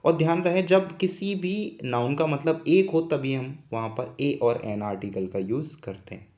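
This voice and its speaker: A man's voice: medium pitch, a little slow, darkish tone. Patient man teaching English grammar. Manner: patient, repeats key points as questions. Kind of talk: explaining an English grammar lesson. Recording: dull lo-fi sound.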